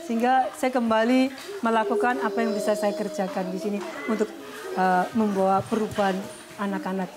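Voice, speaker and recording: A woman's voice: medium pitch, level tone, fairly quick. A woman, a missionary who cares for schoolchildren, gives an emotional personal testimony in an interview, speaking earnestly and politely. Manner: earnest, often adds a polite "sir" to her sentences. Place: remote rural area.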